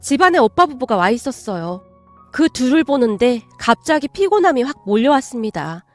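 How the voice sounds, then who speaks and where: A woman's voice: sits high, sing-song, moderate pace, faint music behind. A woman narrating a radio story and voicing every character herself.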